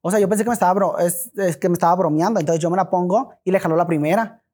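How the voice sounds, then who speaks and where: A man's voice: high voice, very fast, slightly rough. A man with a Mexican accent, a podcast guest telling a story in casual talk, swearing freely and acting out the dialogue. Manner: animated, swears freely, acts out quoted dialogue.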